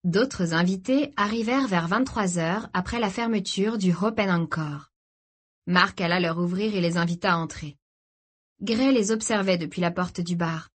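A woman narrating a novel in a calm, measured reading voice. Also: on the low side, slightly rough. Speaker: audiobook narrator. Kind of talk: scripted narration.

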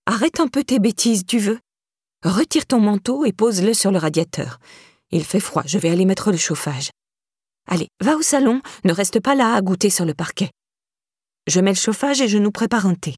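A woman voicing a brisk, motherly older woman. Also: medium pitch, expressive, darkish tone, husky, dry recording, clean studio sound. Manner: brisk, firm and caring.

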